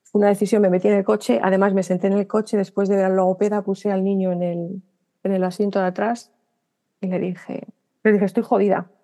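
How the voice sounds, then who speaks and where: Middle-aged spanish woman w/ a spanish accent, warm gravelly voice, podcast guest chatting fast w/ lots of restarts. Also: mid-range voice. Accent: Spain Spanish. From Spain. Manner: lively storyteller acting out remembered dialogue; talks in quick bursts with restarts and self-corrections. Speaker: guest writer. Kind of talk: podcast interview conversation.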